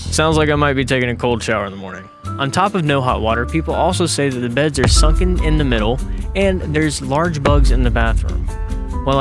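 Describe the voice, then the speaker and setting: A man hosting a casual hotel review vlog, talking in an upbeat, jokey way. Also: medium pitch. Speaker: vlogger and host.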